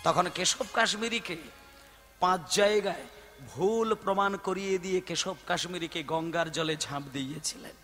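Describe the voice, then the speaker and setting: A man's voice: moderate pace, in a large hall, faint music behind. A man preaching at a devotional gathering, telling a religious story dramatically and acting out the characters' speech. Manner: dramatic, acts out characters' speech with big swings in pitch and loudness. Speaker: kirtan singer and preacher.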